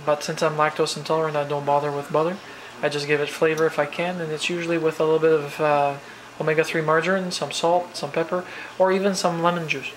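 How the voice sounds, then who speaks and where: A man's voice: a little high, a little hiss or hum, rough recording. Rambling man from New cooking. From New Brunswick, Canada. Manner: relaxed, rambling, many fillers and restarts. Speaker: home cook. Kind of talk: casual cooking vlog. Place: home kitchen. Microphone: handheld camera.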